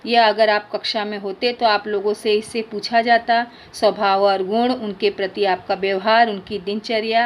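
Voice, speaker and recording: A woman's voice: mid-range voice, slight background noise. A woman teacher reading a dialogue lesson aloud and explaining words directly to her pupils.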